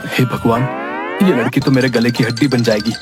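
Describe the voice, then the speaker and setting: A man's voice: mid-range voice, fairly even intonation, fairly quick, close to an everyday voice. Fed-up young husband in a cartoon, complaining, medium voice, played by a man, music behind. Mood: exasperated. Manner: frustrated, complaining. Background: background music.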